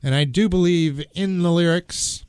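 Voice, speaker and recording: Man, radio co-host, enthusiastic rambling chat, slightly high voice, dry close studio mic. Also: moderate pace, darkish tone, clean tone, no room sound. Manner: enthusiastic, rambling, hesitant fillers.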